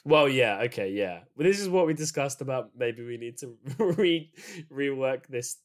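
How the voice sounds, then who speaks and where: A man's voice: medium pitch, lively intonation, moderate pace. A man co-hosting a podcast in casual chat, rambling with frequent laughs and restarts. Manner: chatty, laughs often, many restarts. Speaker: podcast co-host.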